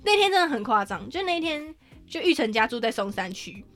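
A woman's voice: a little high, very animated, brisk, a bit bright, soft background music. A woman with a Taiwanese Mandarin accent, animatedly telling a story on a casual podcast, swearing often and acting out what people said. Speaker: podcast co-host.

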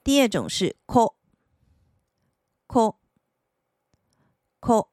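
A woman teaches vocabulary in a scripted lesson, saying each word several times in a slow, careful way. Her voice is recorded close and dry, with no room sound. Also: mid-range voice, lively intonation, no echo. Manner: repeats words slowly and clearly for practice. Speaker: Japanese language teacher. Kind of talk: scripted language lesson narration.

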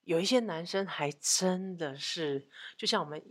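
A woman's voice: lowish voice, moderate pace, no room sound. A woman co-hosting a frank relationship chat, blunt and teasing. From Taiwan. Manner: blunt, teasing, asks for agreement often. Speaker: co-host.

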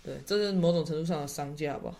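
A man's voice: on the high side, quick pace, mellow. Chatty young man. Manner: chatty storytelling, laughing often, trailing off mid-sentence. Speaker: podcast guest. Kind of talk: casual chat.

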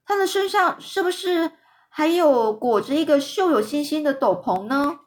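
A woman's voice: high-pitched, animated, normal speed, voice pushed up. A woman voicing a ragged old beggar woman, a grieving mother who pleads tearfully, in a children's storybook reading. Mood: questioning.

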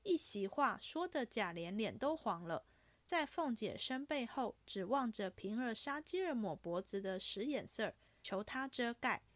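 A woman host reading a classic novel aloud in steady, measured narration. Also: a little high, dry recording.

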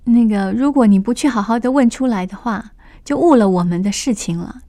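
A woman's voice: fairly high pitch, a little fast, mellow, no room sound, lightly acted. A commanding, scolding monkey disciple, as a woman storyteller puts him on, raised and emphatic. The sound is close and dry, like a studio radio reading. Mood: urging. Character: sharp, bossy male monkey disciple.

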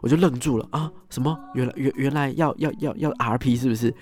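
A man telling a story as host, animated, acting out scenes and ending phrases with soft tag particles. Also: mid-range voice, quick pace. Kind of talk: casual storytelling monologue.

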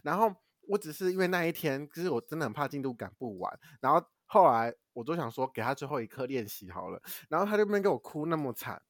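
Young male podcast co-host, from Taiwan, quick and animated storyteller, dry close mic. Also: on the high side, dry recording. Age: young adult. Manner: animated, swears casually, laughs while telling. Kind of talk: casual storytelling chat.

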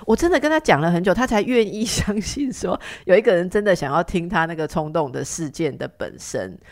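A woman host and psychotherapist with a Taiwanese Mandarin accent, telling a story in casual, animated talk full of rhetorical questions and repeats. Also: fairly low pitch, a little fast.

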